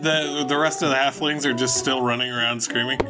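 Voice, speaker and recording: A man's voice: medium pitch, fairly even intonation, fairly quick. A man chatting casually as a player in a tabletop role-playing game, wry and dryly humorous. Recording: music behind the voice.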